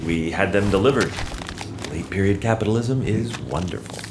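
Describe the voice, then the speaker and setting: A man speaking with formal, measured wording. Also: low voice, noisy background, natural voice.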